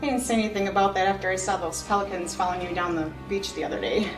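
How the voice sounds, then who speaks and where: Woman as breezy comedy girlfriend, casual, teasing, very animated, echoey room. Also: fairly high pitch, measured pace, music in the background. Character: breezy, reassuring female friend pushing a gadget. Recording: echoey room, distant mic.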